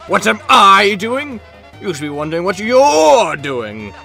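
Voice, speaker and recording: A man voicing a manic, showy game show host in the manner of a booming prize announcer. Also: sing-song, a little slow, creaky, bright, forceful tone, soft background music, heavily acted.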